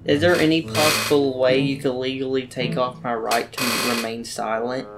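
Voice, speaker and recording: A man's voice: mid-range voice, little pitch movement, normal speed, loud music behind the voice, natural voice. A man voicing a rowdy, dim-witted redneck in an improvised video game role-play, rambling and repeating himself. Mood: excitable.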